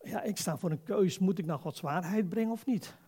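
A man's voice: high-pitched, brisk, dark tone, husky. A man preaching an informal, conversational sermon as a pastor, exhorting his listeners and putting rhetorical questions to them.

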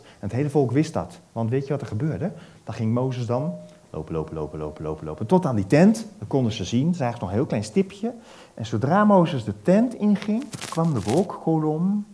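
Lively preacher telling a story. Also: male voice, mid-range voice. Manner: lively storyteller, asks the listeners questions. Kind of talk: sermon retelling a Bible story.

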